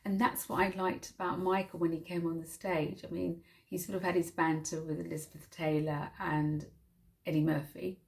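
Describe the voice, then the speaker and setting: A woman hosting her own vlog channel, chatting casually and gushing with soft, drawn-out emphasis. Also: on the low side, little pitch movement, vocal fry. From United Kingdom. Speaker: channel host.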